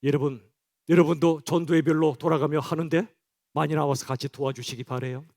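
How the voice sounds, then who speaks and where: A man's voice: on the high side, fairly even intonation, a little fast, a little mellow. A male pastor preaching a sermon in church, speaking directly and conversationally to his congregation.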